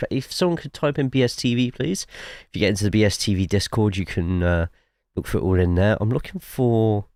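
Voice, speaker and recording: A man's voice: fairly low pitch, a little mellow, no room sound. Man streaming sim racing, dry sound. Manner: casual, chatty, swears freely, reads chat aloud. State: coughing. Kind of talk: live gameplay commentary.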